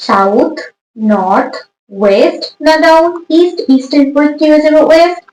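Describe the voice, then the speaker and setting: High-voiced woman teacher explaining exam questions. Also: lively intonation, a little mellow, reverberant, rough recording. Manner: reads English questions slowly, explains in quick Bengali.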